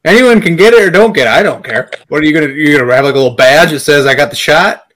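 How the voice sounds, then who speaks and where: A man's voice: fairly high pitch, lively intonation, fast talker, a bit bright, poor audio. A man with a Wisconsin accent co-hosting a podcast, talking bluntly and profanely in casual, rambling chat. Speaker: podcast co-host.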